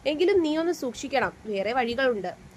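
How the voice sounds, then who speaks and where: A woman's voice: high-pitched, expressive, moderate pace, slight background noise. A woman voicing a young man who acts as a protective elder-brother confidant, speaking earnestly and reassuringly in a storybook reading. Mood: confiding.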